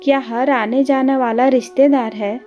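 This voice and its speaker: A woman's voice: sits high, fairly even intonation, normal speed, dark tone, lo-fi sound, lightly acted. A woman voicing a snobbish young city wife who speaks in a cold, sneering, dismissive way. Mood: cold, disdainful.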